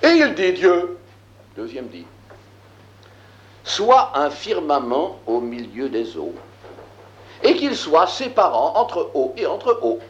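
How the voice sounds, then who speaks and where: A man teaching a lesson, reading scripture aloud and explaining it, slow and emphatic, with frequent filler words. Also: a little high, huge pitch swings, reverberant, dull audio. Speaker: Bible teacher.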